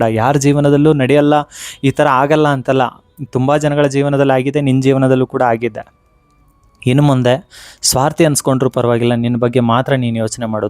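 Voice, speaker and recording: A man's voice: mid-range voice, a little mellow, no echo. A man giving a devotional motivational talk, speaking earnestly and straight to the listener, and repeating phrases for emphasis. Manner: speaks directly to the listener as "you".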